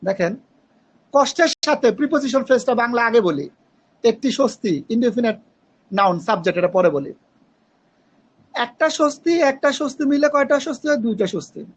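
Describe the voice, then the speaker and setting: A woman's voice: a little high, animated, moderate pace, pauses often, breathy edge. A woman from Bangladesh, teaching an online grammar class. She explains step by step, repeats key phrases and mixes in English grammar terms. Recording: dull lo-fi recording.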